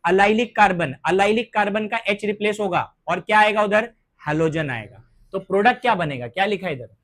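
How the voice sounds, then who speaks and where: A man's voice: high voice, fairly bright tone. A man delivers a chemistry lecture. He drags out each English term as if dictating it to the class. He keeps asking questions and then answering them himself. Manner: slows to dictate English terms, asks and answers own questions. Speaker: chemistry teacher.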